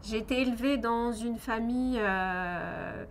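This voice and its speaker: A woman's voice: a little high, slow, a little hiss or hum. Earnest hesitant woman from Algeria. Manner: earnest, hesitant with many fillers and restarts. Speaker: interviewee giving testimony. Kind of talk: personal testimony interview.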